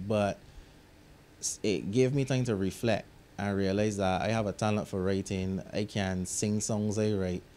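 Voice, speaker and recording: Slight background noise accompanies a young man from Barbados, a music producer, speaking in a low-ish voice. Interviewed in a recording studio, he talks about his work in a relaxed, reflective way and drifts into local grammar.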